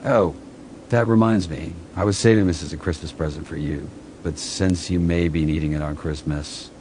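A man's voice: sits low, normal speed, darkish tone, slight background noise, close to an everyday voice. A man voicing a laid-back male buddy who loves guns, talking in a casual, offhand, profane way.

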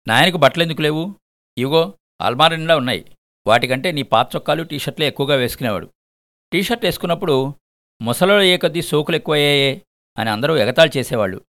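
A man voicing a widowed mother who speaks slowly and calmly. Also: a little high, pitched above the performer's own voice. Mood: gentle. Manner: slow, calm telling. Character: widowed mother, gentle and patient.

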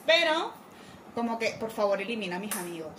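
A young woman in casual conversation, telling things about herself in an informal, animated way. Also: medium pitch, fairly quick, crowd noise. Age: young adult. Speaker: podcast guest. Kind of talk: casual chat. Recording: echoey room, clear background noise.

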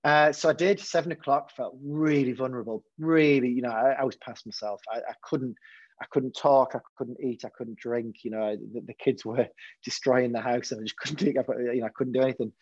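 A man's voice: medium pitch, steady tone, fairly quick, no echo. A man, a head teacher, speaking candidly in an interview, often restarting his sentences. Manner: hesitant, many repeated false starts. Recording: slightly dull, dry lo-fi sound.

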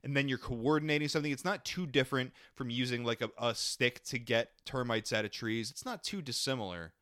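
A man co-hosting a casual podcast, talking in an animated, teasing way and reading notes aloud. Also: mid-range voice, a little fast, no echo, clean studio sound. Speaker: podcast co-host. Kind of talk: casual chat.

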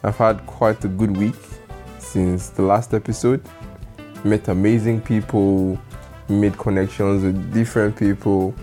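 A man hosting a casual podcast, relaxed and teasing, often repeating his words. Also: lowish voice, measured pace, soft background music. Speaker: podcast host.

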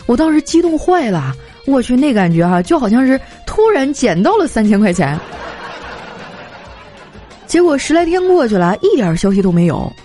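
A young woman telling comic anecdotes in a chatty, animated way, slipping into voices for the people in her stories. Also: fairly high pitch, normal speed. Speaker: comedy storyteller. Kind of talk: scripted comic monologue. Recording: light background music. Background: faint music.

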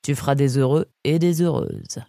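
A woman voicing a calm young female fox in a children's storybook, speaking in a dry, matter-of-fact way. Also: rumbling low, moderate pace, vocal fry.

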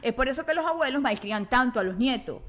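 A woman's voice: high-pitched, fast talker. A woman, co-hosting a casual chat and acting out family scenes as she tells them. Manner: animated storyteller acting out family dialogue. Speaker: podcast co-host.

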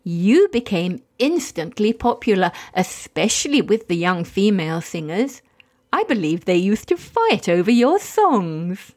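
A woman's voice: medium pitch, big pitch swings, measured pace, a little mellow. A woman playing a polite, prim interviewer in a scripted comic mock interview. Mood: inquisitive. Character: polite, prim female interviewer, easily flustered.

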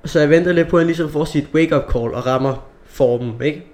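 A man's voice: fairly high pitch, darkish tone. Man in casual sports chat. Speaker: co-host giving football predictions.

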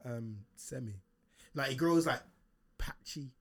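A man's voice: medium pitch, a little slow, crowd noise. A man with an urban London roadman accent, chatting casually and teasing in street slang as a co-host. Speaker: co-host of a chat show. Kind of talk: casual banter.

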